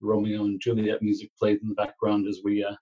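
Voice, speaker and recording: A business coach from Texas, appearing as a guest in a casual interview, speaks in a lowish, monotone, brisk voice that's warm with a breathy edge. He rambles with many restarts. The remote line sounds dull and lo-fi.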